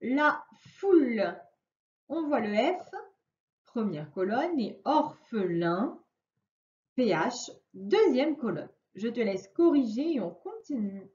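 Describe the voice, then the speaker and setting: A woman teacher giving a slow, clearly spoken lesson to children, stretching out each word. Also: fairly high pitch, sing-song, darkish tone. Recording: echoey room, dull lo-fi sound.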